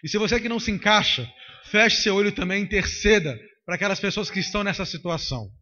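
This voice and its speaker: A man preaching a sermon with emphatic repetition. His voice is high and bright. It is caught on a handheld mic in a dull, lo-fi recording. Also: quick pace. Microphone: handheld microphone.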